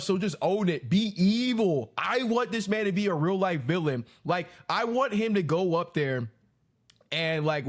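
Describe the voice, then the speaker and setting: A man riffs on a podcast, rambling and animated, stacking fillers as he talks. His voice sits a little high. The feel is loose and casual. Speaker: podcast co-host. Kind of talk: casual chat.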